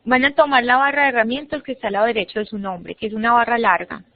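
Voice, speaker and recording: A woman's voice: fairly high pitch, fairly even intonation, fast, dry recording. A woman teaching an online English class, patiently explaining step by step and modelling words for her students to repeat. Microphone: computer mic on a video call. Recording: muffled, dry online-class audio.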